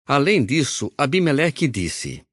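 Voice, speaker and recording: A man reading a Bible audio recording aloud in a measured, solemn narration. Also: mid-range voice, big pitch swings, husky, no room sound, clean studio sound.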